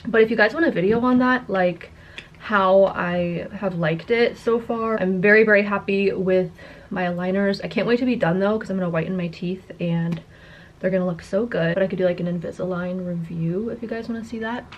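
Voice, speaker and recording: A woman's voice: mid-range voice, a little fast, lo-fi sound. Young woman with a slushy, lisping s. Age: 20s. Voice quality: slight lisp with slushy s sounds. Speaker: content creator. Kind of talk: casual chat to camera. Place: carpeted attic-style room indoors.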